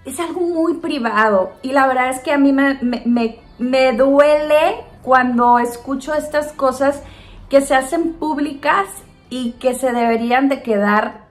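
A Mexican woman answering viewer questions in a casual chat to camera, animated and laughing often. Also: sits high. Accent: Mexican Spanish. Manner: chatty and animated, acts out voices in quotes.

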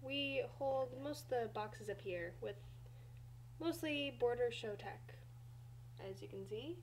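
A chatty young barn hand shows visitors around a toy stable in a doll video, voiced by a teen girl. The voice sits fairly high and talks in a hesitant, rambling way, pausing and correcting itself. A faint hum runs underneath. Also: expressive, rough recording. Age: late teens. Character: young woman barn worker giving a tour. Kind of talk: doll video role-play narration. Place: home room, doll barn set.

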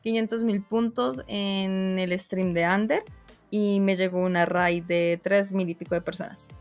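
A young woman, a streamer being interviewed, telling stories in a casual, animated way and acting out her own reactions. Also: mid-range voice, a little slow, faint music behind. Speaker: streamer guest.

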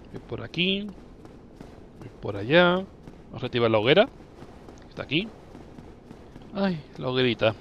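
A young man with a Spanish accent from Spain commentating his own gameplay, playful and excitable, teasing the enemies he fights with sudden yelps and laughs. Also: mid-range voice, dull audio, a little hiss or hum. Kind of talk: playful let's-play commentary.

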